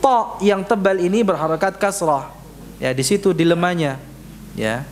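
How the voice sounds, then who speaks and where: A man teaching Quran recitation, drilling syllables slowly and correcting his students. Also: high-pitched, a little hiss or hum. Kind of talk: tajwid lesson in a mosque. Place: mosque prayer room.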